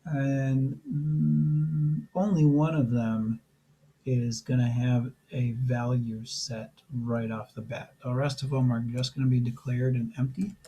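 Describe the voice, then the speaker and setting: A man who is losing his voice, teaching a programming lesson step by step in a relaxed way with frequent fillers. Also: medium pitch, slow, slightly rough, muffled recording. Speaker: programming instructor. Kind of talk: screen-recorded coding tutorial.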